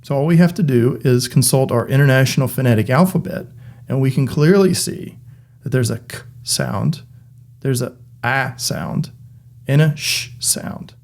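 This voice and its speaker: Male course instructor, mid-pitch voice, clear even explaining, dry humor. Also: normal speed. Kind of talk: recorded tech lecture.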